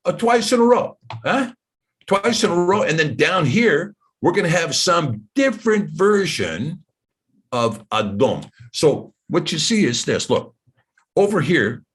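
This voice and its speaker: A man teaching scripture in a casual, animated way, firing off rhetorical questions and jokey asides to himself. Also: medium pitch. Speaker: Bible teacher.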